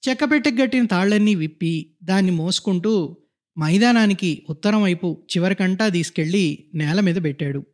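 A man reading a short story aloud in a measured, descriptive narration. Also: high voice.

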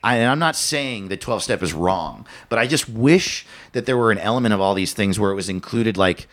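A man co-hosting a podcast in casual chat, swearing often and thinking out loud with restarts. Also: fairly low pitch, brisk. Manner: animated, swears a lot, thinks aloud with restarts. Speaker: podcast co-host.

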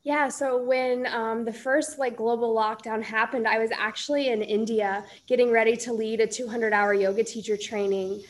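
Calm, higher-voiced woman yoga teacher. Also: moderate pace, hardly any pauses. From Iowa, United States. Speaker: yoga teacher and coach, podcast guest. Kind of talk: casual interview answers.

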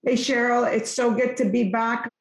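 A woman's voice: fairly high pitch, fairly even intonation, normal speed. A woman in her fifties from Lebanon, speaking, telling her personal story candidly and earnestly as a podcast guest. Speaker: guest, company executive. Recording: roomy echo.

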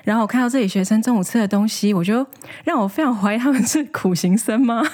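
Animated woman co-hosting a podcast. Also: fairly high pitch, fast. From Taiwan. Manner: animated, playful storytelling. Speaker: podcast co-host. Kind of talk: casual chat.

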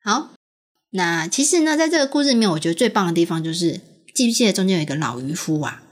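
Patient mother, low voice. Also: very animated, quick pace. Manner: patient, questioning, laughs often. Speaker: mother talking with her young daughter. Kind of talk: casual storytelling chat with a child.

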